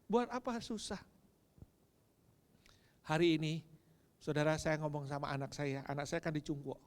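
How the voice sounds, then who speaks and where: A male pastor preaching a sermon, moving from soft asides to loud, fervent emphasis. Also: fairly high pitch, normal speed. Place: church sanctuary. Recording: long reverb of a church hall.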